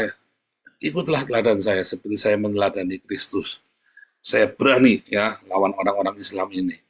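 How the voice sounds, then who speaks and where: A man delivers a sermon in a husky, slightly low voice. He talks bluntly and colloquially to his congregation. His lines keep jumping from loud, high emphasis to quiet, dropped asides. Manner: animated, swings loud and soft, addresses listeners as brothers and sisters. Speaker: preacher.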